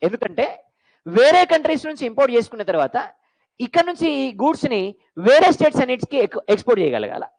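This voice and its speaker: Lively quizzing woman teacher. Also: high-pitched, fast, poor audio. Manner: quizzing students with call-and-response questions; mixes English phrases into Telugu. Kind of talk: classroom lecture for exam prep.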